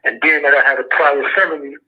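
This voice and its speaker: A man's voice: on the high side, fairly even intonation, quick pace, slightly rough. A man from Brooklyn with a Brooklyn New York accent, talking in laid-back street slang as an incarcerated guest calling in on a prison phone line. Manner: laid-back street slang, repeats "you know what I'm saying". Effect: heard over a prison phone line. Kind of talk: casual phone interview.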